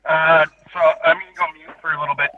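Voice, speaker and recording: A man's voice: fairly high pitch, little pitch movement, quick pace. Man sounding like a police radio. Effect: crackly police-radio sound. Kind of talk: casual group voice chat. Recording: muffled lo-fi line with loud crowd noise.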